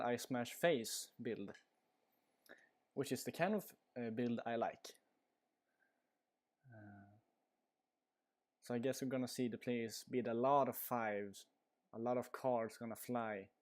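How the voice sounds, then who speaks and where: A man's medium-pitched, slightly mellow voice carries a Swedish accent as he offers rambling, filler-heavy live commentary on a card game stream. He's using a headset mic, and the tone is casual.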